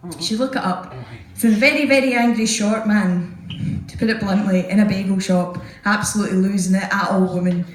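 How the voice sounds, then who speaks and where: A Scottish woman doing a live stand-up set, telling chatty, self-mocking stories into a stage mic. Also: medium pitch. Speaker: stand-up comedian. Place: small bar stage, indoors. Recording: echoey live venue.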